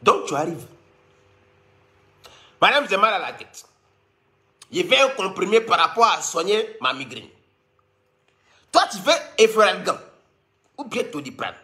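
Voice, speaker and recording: A man with a Cameroonian French accent delivering a mocking, scolding comic rant to his viewers, with sudden squeaky jumps. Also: sing-song, unhurried, pauses often, pushed and bright. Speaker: online commentator.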